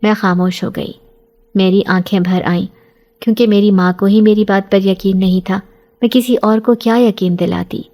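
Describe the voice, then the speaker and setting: A woman narrating a first-person horror story in a steady, earnest storytelling way, as scripted narration. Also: mid-range voice, soft background music.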